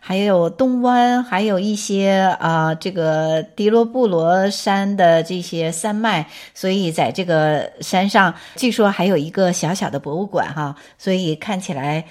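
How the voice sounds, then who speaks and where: A woman's voice: on the low side, unhurried, few pauses, a little mellow. A woman hosting a radio interview, engaged and responsive, adding her own remarks. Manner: engaged, frequent listening responses. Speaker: radio host.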